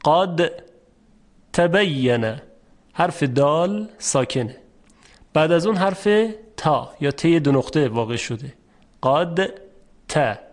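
A man teaching a lesson on recitation rules, patiently explaining step by step and repeating each example slowly. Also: a little high, lively intonation. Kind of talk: formal spoken lesson.

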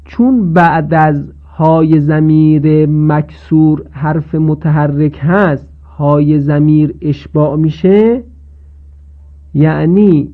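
A man gives a radio lesson on Quran recitation in a somewhat high voice. He explains each rule patiently, then chants the examples in a long, drawn-out recitation. The sound is thin and narrow, like an old phone line.

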